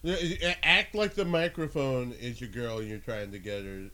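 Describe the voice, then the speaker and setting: A man's voice: medium pitch, moderate pace, pushed and bright, a little hiss or hum. A man in casual, crude banter with friends, telling a story, acting out quotes and laughing often. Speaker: podcast co-host.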